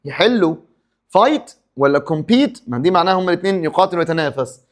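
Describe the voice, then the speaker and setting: Egyptian man, fast-paced teacher, somewhat high voice, quizzes himself aloud. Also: expressive. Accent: Egyptian Arabic. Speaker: English teacher. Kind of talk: exam review lesson.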